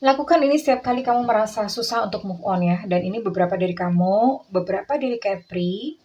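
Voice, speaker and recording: A woman giving a tarot reading who calls herself Bunda and calls the listener darling, guiding a relaxation exercise in a soft, coaxing way that repeats words. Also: medium pitch, quick pace, dull audio, slight background noise. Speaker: tarot reader.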